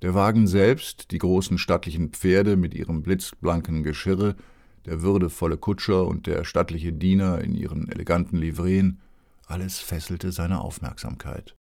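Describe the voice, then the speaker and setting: A man narrating an audiobook in a calm, even storytelling manner. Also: sits low, moderate pace, gravelly.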